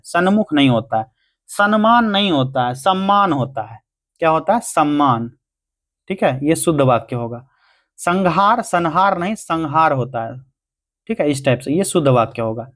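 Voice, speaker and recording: A man teaching a grammar lesson for exam prep, going through answers step by step and answering his own questions. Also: a little high. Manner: explains answers step by step, asking and answering himself.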